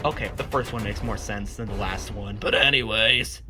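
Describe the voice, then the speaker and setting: A man giving rambling, self-mocking commentary as he reads the comics he made as a kid, with excited outbursts and asides. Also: fairly low pitch, normal speed, soft background music. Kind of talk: comedic commentary reading his old comics.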